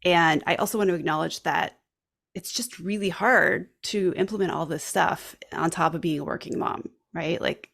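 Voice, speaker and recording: Low-voiced woman podcast host, gravelly. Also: normal speed. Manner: warm, reflective, frequent affirming murmurs. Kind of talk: conversational interview.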